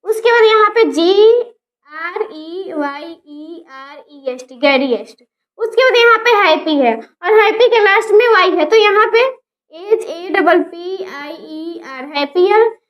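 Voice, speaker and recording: High-voiced woman teaching grammar. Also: expressive, muffled recording. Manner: spells words letter by letter slowly. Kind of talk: grammar lesson.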